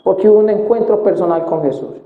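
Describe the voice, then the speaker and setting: Young male preacher, high voice, emotional sermon testimony, echoey tinny recording. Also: fast. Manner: emotional storytelling, addressing the congregation directly. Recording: echoey, tinny phone-like sound.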